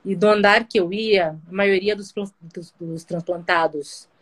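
A woman guest telling her story in a casual online conversation, in an animated way. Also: medium pitch, a little slow. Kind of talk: casual video-call conversation.

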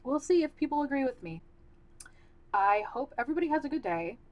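A woman's voice: sits high, sing-song, fairly quick, lo-fi sound. A young woman hosting her own podcast in a casual, candid way, rambling with many fillers and restarts, and her voice is starting to wear out. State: losing her voice. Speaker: podcast host. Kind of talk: casual solo podcast talk.

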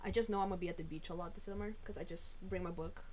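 Fast-talking, foul-mouthed young woman. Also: fairly low pitch, fairly even intonation, over a noisy crowd. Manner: blunt, swears a lot, slangy. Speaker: podcast co-host. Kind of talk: casual chat. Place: Massachusetts, indoors.

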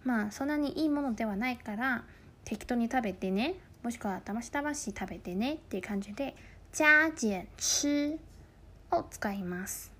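A woman teaching phrases in a language lesson, explaining slowly and carefully, with stressed example words. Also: on the high side, animated, husky.

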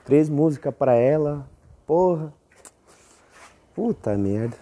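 A young man talks in a loose, rambling solo monologue, swearing freely and poking fun at himself. His voice is soft and dark in tone with a slightly husky grain, and it now and then jumps up into high, squeaky yelps. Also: expressive, slow. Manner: profane, self-mocking, often breaks into high squeaky exclamations. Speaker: podcast host.

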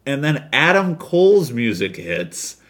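A man co-hosting a podcast, chatting casually about pro wrestling in an animated, rambling way with the odd swear. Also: medium pitch, unhurried, very noisy. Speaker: podcast co-host.

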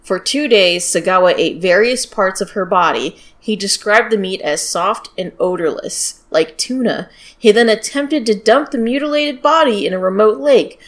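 A woman's voice: mid-range voice, expressive, moderate pace. Woman, general American accent, podcast host, casual true-crime storytelling, blunt and sweary, mid-range voice.

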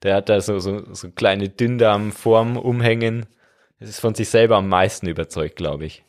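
A man co-hosting a comedic podcast, relaxed and musing. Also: lowish voice, normal speed. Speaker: podcast host. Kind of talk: casual comedic chat.

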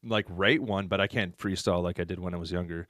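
A Canadian man talks in a loose, easygoing way on a voice chat call. His voice sits a little low and sounds dry, with no room around it. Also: fairly even intonation, fast talker, fairly bright tone, no room sound. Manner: laid-back, swears casually, laughs often. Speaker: co-host. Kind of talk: casual chat. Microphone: voice chat headset.

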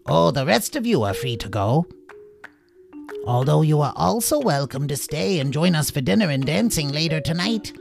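A man voicing a gang of cheeky hobgoblins with a high, teasing, sing-song manner in a storybook reading. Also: very animated, normal speed, vocal fry, over music. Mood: cheerful. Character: cheeky squeaky hobgoblin gang, mocking and pompous.

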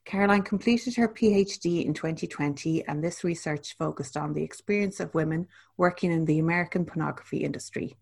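A woman podcast host reads an upbeat introduction of her guest. Her voice is low and husky, with a gravelly fry running through it. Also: brisk, hardly any pauses, darkish tone.

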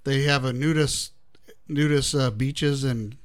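A man hosting a casual talk show, relaxed, laughing easily and steering to new topics. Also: mid-range voice, measured pace, smooth. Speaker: podcast host.

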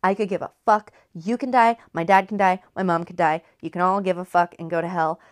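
A woman quoting a cold, defiant teenage girl in a flat, profane, dismissive way, close to her own low voice. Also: fairly quick, close to an everyday voice.

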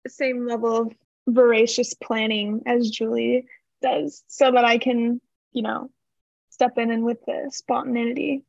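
A bubbly young woman in her twenties co-hosts a student podcast with a slightly high, spontaneous delivery. The recording is dull and dry, with almost no room sound. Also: flat delivery, unhurried, vocal fry, darkish tone, no room sound. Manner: bubbly, spontaneous, uses "like" often. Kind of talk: casual chat.

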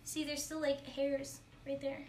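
A woman's voice: high voice, little pitch movement, unhurried, darkish tone, a little hiss or hum. A young woman chatting casually on camera in a shared room, giggly and self-mocking. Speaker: vlogger. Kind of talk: casual chat. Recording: roomy echo, faint ambience.

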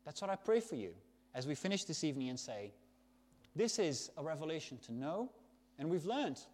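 A man preaching a sermon, stressing words loudly and dropping to soft, hushed endings. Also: on the high side, very animated, moderate pace.

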